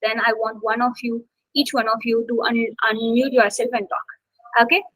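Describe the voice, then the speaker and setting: A woman with a high, bright voice leads a live online English lesson. She keeps asking "okay?" and urges her students to answer. The sound is dry and close on a computer mic. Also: flat delivery, normal speed, no echo, low-quality recording. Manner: checks in constantly with "okay?" and coaxes students to speak. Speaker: English exam instructor. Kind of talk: live online class teaching.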